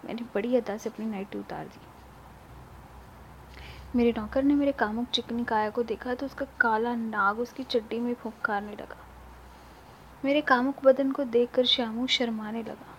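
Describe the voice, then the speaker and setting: A woman narrating a sensual first-person story in a breathy, teasing way, on a dull lo-fi recording. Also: a little high, a little hiss or hum.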